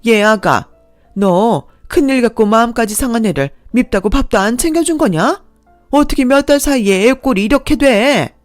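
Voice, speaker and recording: A woman's voice: a little high, animated, normal speed, no room sound, soft background music, voice pushed up, lightly acted. A woman voicing a scornful older mother-in-law who scolds with contempt in a Korean radio drama. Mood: fussing.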